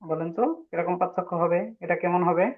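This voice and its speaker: A man's voice: high voice, completely flat delivery. A man teaching Arabic letter pronunciation in an online class, patiently drawing out sounds and calling on students. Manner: patient, drawn-out demonstration of sounds, calls on students. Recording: tinny phone-like line.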